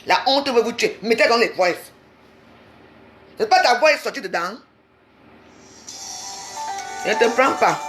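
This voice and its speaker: A woman's voice: on the high side, fairly bright tone. A woman in a heated livestream rant, confrontational and repeating herself insistently. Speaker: social media livestreamer.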